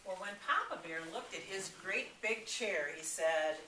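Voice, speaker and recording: A woman reading a story aloud to young listeners, telling it in an expressive, animated way. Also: medium pitch, measured pace, slight background noise. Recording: echoey room, from a distance.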